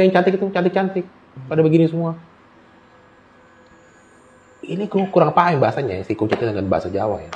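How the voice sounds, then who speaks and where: A man's voice: a little high, highs cut off. A man telling a story in casual conversation, acting out the dialogue. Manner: animated, acts out dialogue. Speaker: guest storyteller.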